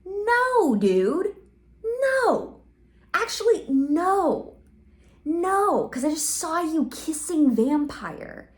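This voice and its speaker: A woman voicing a sobbing teenage boy wizard who whines in a high, wailing voice. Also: sing-song, extremely slow, exaggerated voice. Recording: roomy echo.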